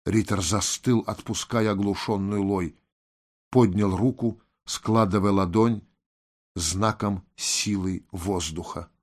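A man narrating a fantasy audiobook in a steady, dramatic reading. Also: fairly low pitch, slow, husky.

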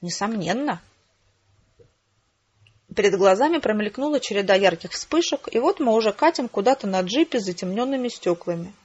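A woman's voice: medium pitch, animated, quick pace, hardly any pauses, darkish tone, lo-fi sound. Woman narrating an audiobook. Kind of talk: scripted narration.

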